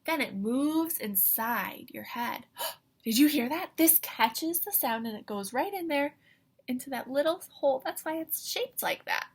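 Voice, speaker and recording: A woman reads a picture book aloud to young children like an excited teacher, full of animated wonder, questions and asides. Her voice is breathy and high, and she goes a little slowly.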